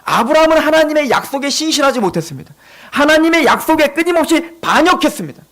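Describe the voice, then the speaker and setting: A man's voice: very high voice, sing-song, fast talker, a bit bright. A man preaching a sermon as pastor, emphatic and repeating phrases for stress.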